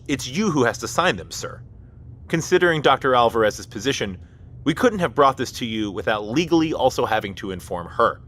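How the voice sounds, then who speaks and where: In an audio drama, a man plays a stern, by-the-book military officer, speaking formally and procedurally and addressing others as sir and ma'am. His voice is mid-range and fairly bright.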